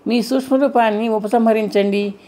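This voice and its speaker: A woman's voice: fairly high pitch, steady tone, normal speed, mellow, natural voice. A woman voicing a proud, blunt male god of speech in an audiobook, talking in a curt, impatient way.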